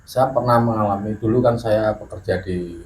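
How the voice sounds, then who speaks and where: A middle-aged man telling a ghost story in casual chat, measured and unhurried, clearing his throat now and then. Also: fairly low pitch, darkish tone. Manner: measured storytelling with pauses and occasional coughs. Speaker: guest storyteller. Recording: echoey room with faint noise.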